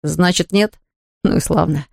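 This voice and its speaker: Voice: mid-range voice, unhurried, vocal fry, no room sound, studio quality. A reader voicing an ardent young man who earnestly begs his sweetheart. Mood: imploring. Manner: earnest, imploring.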